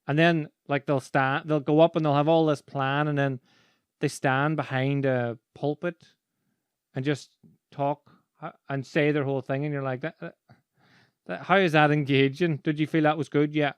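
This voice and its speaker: With a slightly high, smooth voice at normal speed and no room sound, an Irish man who works as a podcast host and speaking coach spins lively stories in casual talk, laughing as he goes.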